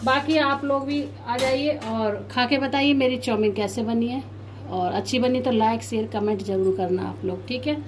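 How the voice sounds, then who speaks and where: A woman chatting casually to her viewers in a home vlog, speaking slowly because of sore mouth ulcers. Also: a little high, echoey room, recorded from a distance, slight background noise. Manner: chatty, often addresses viewers as guys. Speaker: family vlogger.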